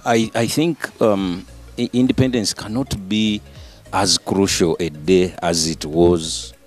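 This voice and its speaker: A man's voice: low-pitched, fairly even intonation, takes it slowly, soft background music. An older Ugandan man, a talk show guest, joking about his age with a chuckle and talking easily. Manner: jovial, self-deprecating, chuckling. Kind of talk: casual talk show chat. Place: salon set, indoors. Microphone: handheld mic.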